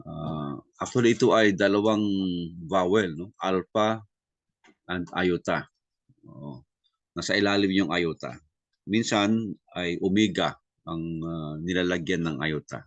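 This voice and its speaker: Man teaching, very low voice, unhurried, many fillers, dry recording. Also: dry recording. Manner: Tagalog-English mix, many fillers and tag questions; spells out sounds slowly and deliberately. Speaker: Greek class teacher. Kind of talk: classroom lesson review.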